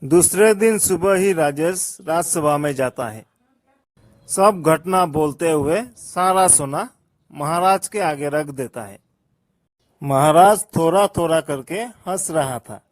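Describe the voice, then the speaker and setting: A man narrating a folk tale in a measured storytelling manner. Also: fairly high pitch.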